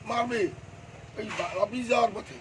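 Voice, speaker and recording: A man's voice: extremely high pitch, moderate pace. An older man with a West Bengal Bengali accent, a former councillor, agitatedly recounting an attack on his home to a reporter. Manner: agitated, acts out the quarrel in quoted speech. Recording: noisy outdoor street recording.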